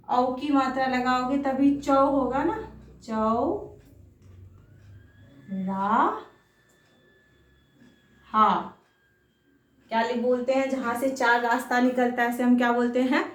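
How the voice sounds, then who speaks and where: A woman's voice: high-pitched, little pitch movement, normal speed, roomy sound, distant mic. A woman teaching a children's lesson on Hindi vowel signs, patient, stretching syllables out and asking frequent questions.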